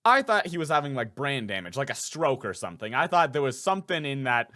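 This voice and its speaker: Young male voice actor, playful commentary, lively swooping pitch, bright tone, faint music behind. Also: fast talker. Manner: playful, self-deprecating. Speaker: voice actor, let's play host. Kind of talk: casual gameplay commentary.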